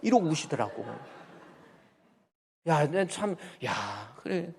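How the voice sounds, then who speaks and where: A male pastor in his fifties delivers a folksy, animated sermon in a high-pitched voice. His words ring out through a church with a long, hanging reverb. He drifts easily between preaching and homespun storytelling. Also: normal speed. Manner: folksy and animated, acting out family stories. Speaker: senior pastor. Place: church sanctuary.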